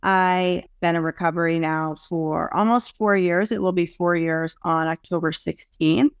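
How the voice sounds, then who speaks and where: A chatty, earnest woman from the Boston area, a podcast guest with a low, gravelly voice. She talks freely with fillers. The sound is dry and close. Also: steady tone, measured pace, no room sound. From Boston area, USA. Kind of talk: casual podcast chat.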